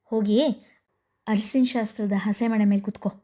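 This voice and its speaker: A woman voicing a tender older village uncle who speaks in a slow, coaxing way. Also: mid-range voice, steady tone, warm tone, natural voice. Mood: soothing.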